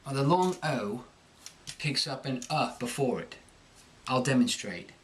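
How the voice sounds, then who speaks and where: A man's voice: medium pitch, lively intonation, measured pace, fairly bright tone, slight background noise. A man giving a conversational, explanatory pronunciation lesson as a coach. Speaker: accent coach. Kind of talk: instructional lesson with pronunciation demonstrations.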